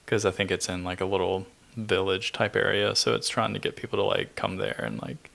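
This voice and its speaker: A young man co-hosting a podcast, talking in a relaxed, rambling way with many fillers. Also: low voice, a little fast, vocal fry. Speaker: podcast co-host. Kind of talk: casual chat.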